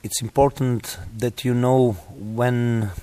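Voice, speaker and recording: Slow, halting Slovenian-accented man. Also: mid-range voice, level tone, warm tone, no room sound. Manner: halting, with many pauses and fillers. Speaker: composer and music teacher. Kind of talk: interview answer.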